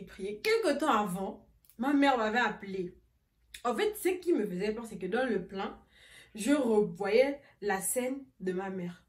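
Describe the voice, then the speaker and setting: Une jeune femme qui raconte une anecdote sur un ton familier et animé, en riant souvent. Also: female voice, medium pitch. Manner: animated, laughing often while telling. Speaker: vlogger. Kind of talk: casual storytime. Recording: roomy echo, voice a bit far from mic.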